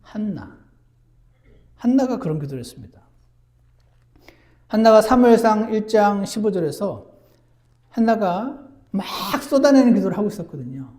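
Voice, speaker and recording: A man preaching a sermon as pastor, earnest, moving between emphatic lines and hushed ones. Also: sits high, very animated, moderate pace, pauses often. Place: church.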